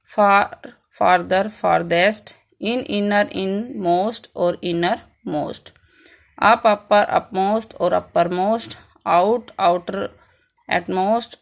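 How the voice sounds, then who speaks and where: A woman teaching an online English grammar lesson with an Indian English accent, reading rules out and explaining them in Hindi. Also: medium pitch. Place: Rajpura, Punjab.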